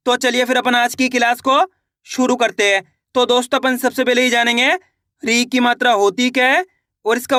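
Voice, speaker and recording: A man's voice: very high-pitched, pushed and bright, dry recording, studio quality. A man teaching a Hindi reading lesson to his viewers, asking questions and answering them himself.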